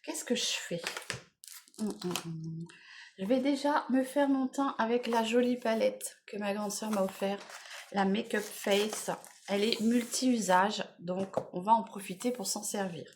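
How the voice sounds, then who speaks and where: In an unhurried, mid-range, slightly mellow voice, with a little hiss or hum in the recording, a middle-aged beauty vlogger chats through her morning makeup at home. She's tired and meandering, often trailing off then getting back on track, forever saying "voilà" and "bon, bref".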